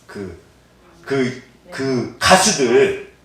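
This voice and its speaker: A man's voice: medium pitch, extremely slow. A middle-aged man preaching a sermon as pastor, quizzing the congregation and laughing often. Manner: animated, asks the congregation call-and-response questions. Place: church sanctuary. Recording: echoey hall, mic at a distance.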